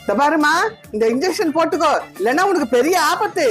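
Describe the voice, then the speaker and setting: A woman's voice: high-pitched, lively intonation, brisk, soft background music. A woman voicing a bumbling male doctor in a cartoon who exaggerates every danger. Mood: alarmist. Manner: exaggerated, alarmist.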